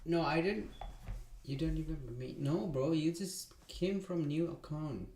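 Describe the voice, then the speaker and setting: A man's voice: fairly high pitch, unhurried, echoey room. A young man from Nepal live-streaming a football video game, chatting casually with viewers and friends. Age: young adult. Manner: chatty, greets viewers, gets loud and excited. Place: home room, live gaming stream.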